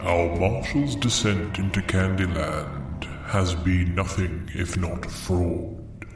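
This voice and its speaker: A man's voice: deep voice, distant mic, voice pushed down. A man voicing a grave, portentous narrator in a dramatic previously-on recap for a fantasy podcast. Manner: grave, portentous, drawn-out delivery. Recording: roomy echo under loud music. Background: loud music.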